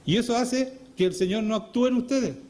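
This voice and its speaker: A man's voice: very high-pitched, a little fast, darkish tone, a little hiss or hum. A man preaching a Sunday sermon in church, often putting rhetorical questions to his congregation. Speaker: pastor. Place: church service.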